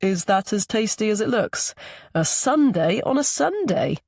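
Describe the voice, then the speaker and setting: A woman's voice: mid-range voice, sing-song, measured pace, darkish tone, no echo, clean studio sound, voice pushed up. A woman reading the part of a charming, attentive man on a date, speaking in an easygoing, persuasive way. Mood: friendly.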